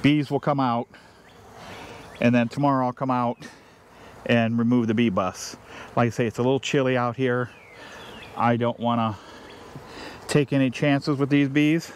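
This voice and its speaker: A man's voice: mid-range voice, steady tone, slight background noise. Plain-spoken man working a beehive outdoors. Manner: plain, unhurried, thinking aloud while working. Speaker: beekeeper. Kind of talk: casual how-to narration. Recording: faint outdoor ambience with buzzing bees.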